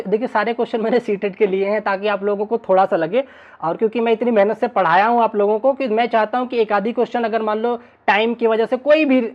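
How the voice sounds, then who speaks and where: Teaching an online exam-prep lesson, this man has a high-sitting voice captured in a muffled recording. He chats a lot and keeps asking "ठीक है ना" to check in with his students.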